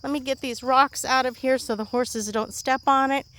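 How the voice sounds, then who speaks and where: Woman, casual vlog host, upbeat rambling chat outdoors, slightly breathless, pitched a little high. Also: fairly even intonation, moderate pace, fairly bright tone. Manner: chatty, rambling, easily amused. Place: outdoors in a rural horse pasture.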